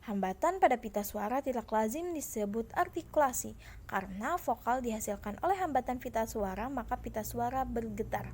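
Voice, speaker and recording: A woman's voice: a little high, animated, a little fast, a little mellow, slight background noise. Young Indonesian woman reading lecture notes. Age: young adult. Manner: careful reading with small slips and restarts. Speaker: student presenter.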